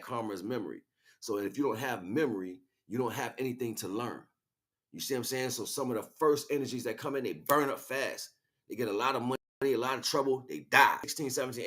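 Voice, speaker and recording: Improvising his teaching on a livestream, this spiritual host speaks emphatically in a medium-pitched, slightly bright voice. He returns to key words again and again and poses rhetorical questions to keep listeners with him.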